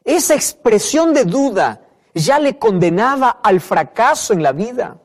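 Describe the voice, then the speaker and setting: A man's voice: extremely high pitch, very animated, a little slow. A man preaching a sermon, emphatic, repeating key phrases and putting questions to the listener. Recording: reverberant hall.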